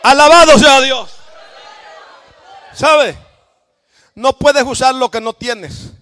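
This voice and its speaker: A man from El Salvador with a Salvadoran Spanish accent, preaching a sermon in a church with shouted, emphatic praise cries. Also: very high voice, slow.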